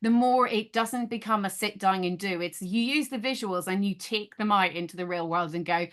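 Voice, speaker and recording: A middle-aged woman talks through her teaching method in an easy, mid-pitched voice. She tells little stories, acting out both sides of a conversation, and laughs often. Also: normal speed. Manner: animated storyteller, acts out dialogue, laughs often. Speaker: maths programme educator. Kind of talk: explaining in an interview.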